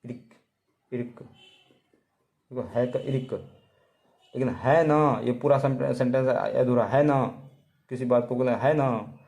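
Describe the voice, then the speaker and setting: Casting: male tutor, mid-pitched voice, patient, repetitive, full of fillers. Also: gravelly, a little mellow. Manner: repeats words slowly, with fillers. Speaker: language teacher. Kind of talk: casual spoken lesson.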